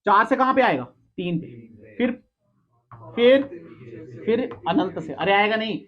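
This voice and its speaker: A high-pitched male teacher runs a lively classroom lecture and keeps quizzing his students. He teases and scolds them in between questions. The recording sounds dull and lo-fi. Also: a little slow. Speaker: physics teacher. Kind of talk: classroom lecture with call-and-response.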